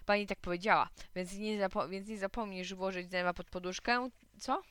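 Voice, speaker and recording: A woman voicing an eager schoolboy friend who shouts out news to the other boys in a storybook reading. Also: medium pitch, moderate pace, smooth, lightly acted. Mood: coaxing. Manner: shouting excitedly.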